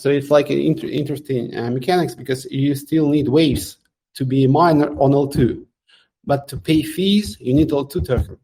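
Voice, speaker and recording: Male host, middle-aged, warm low-key voice, halting and filler-heavy live Q&A delivery. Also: breathy edge. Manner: halting, many fillers and restarts, occasional laughs. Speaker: AMA host answering community questions. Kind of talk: casual live Q&A.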